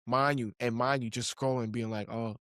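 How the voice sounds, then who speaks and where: A man's voice: medium pitch, moderate pace, clean tone, no room sound. Young guy on a podcast, slangy and laughing a lot, dry close mic. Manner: slangy, animated storytelling with frequent laughs. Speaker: podcast co-host. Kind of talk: casual chat.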